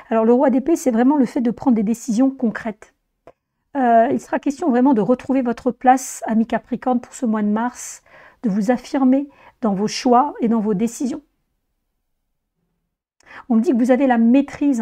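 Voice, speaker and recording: A woman with a hoarse, strained voice that sits fairly high yet has a soft, mellow tone. She gives an informal tarot reading, speaking directly to viewers as she explains. Her voice sounds worn by laryngitis. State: hoarse, voice weakened by laryngitis after flu. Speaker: tarot reader presenting a monthly horoscope reading.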